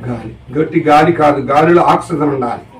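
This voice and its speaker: High-voiced, fast-talking male spiritual teacher. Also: roomy sound, far from the mic, poor audio. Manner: keeps asking the audience questions. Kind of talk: religious discourse to a live audience.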